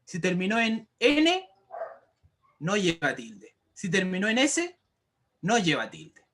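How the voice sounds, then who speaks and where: Casting: male teacher, high-pitched voice, patient, repeats rules, online class. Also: sharp tone. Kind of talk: explaining grammar rules to a class. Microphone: computer mic for an online class.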